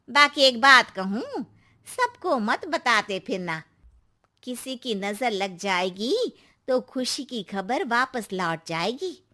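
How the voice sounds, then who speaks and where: A woman's voice: sits high, pushed and bright, exaggerated voice. A woman voicing a gossipy older neighbour aunty in a cartoon story, who talks in cautionary, superstitious warnings.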